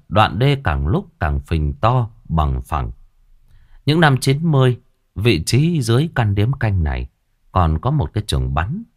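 A man narrating a ghost story in a lively, colloquial storytelling manner. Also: sits low.

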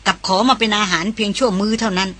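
Stern bossy jungle guide man, sharp barking lines, bright tone, a woman reading him aloud. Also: mid-range voice, fairly even intonation, very fast. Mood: scolding. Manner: clipped, scolding, commanding. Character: stern tough male jungle guide, hot-tempered.

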